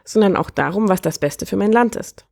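A woman's voice: medium pitch, a little fast, gravelly, darkish tone, lightly acted. A woman voicing a young princess in a storybook reading, with an earnest, determined manner. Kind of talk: storybook character voice.

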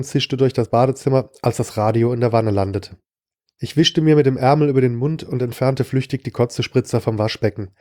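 A man reads a short story aloud in the first person with a dry, sardonic edge. His voice sits in a medium register and sounds dark and mellow. The recording is close and dry, with no room sound. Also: mid-range voice, no room sound. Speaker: narrator. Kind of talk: scripted narration of a short story.

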